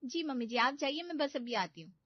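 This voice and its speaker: Woman voicing a sweet naive young bride, innocent and playful, bright high voice, dry recording. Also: expressive, brisk, no room sound, highs cut off.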